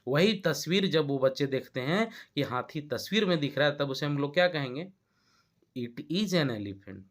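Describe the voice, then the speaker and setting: A man's voice: a little high, expressive, moderate pace. A man with an Indian accent teaching English grammar in a classroom-style lesson, often stopping to check that students follow. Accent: Indian Hindi-speaking. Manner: explanatory, checks understanding with repeated questions.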